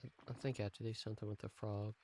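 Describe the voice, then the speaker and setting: A man giving casual, quiet gameplay commentary, thinking aloud as he plays. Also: lowish voice, level tone, racing, slight background noise. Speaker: gameplay host.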